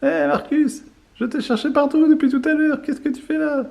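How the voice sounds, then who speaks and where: A woman voicing a mother parrot who scolds her chick in a high, sing-song voice. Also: fairly even intonation, normal speed, creaky, a little mellow. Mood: scolding.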